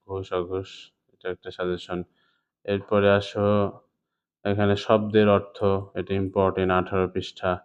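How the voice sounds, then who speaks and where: A man's voice: fairly low pitch, darkish tone. A man with a Bangladeshi Bengali accent teaching a class of students through an exam suggestion lesson, explaining step by step and often checking if they follow. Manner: explains step by step, often asks "ঠিক আছে?". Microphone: writing while talking. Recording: slightly dull lo-fi sound.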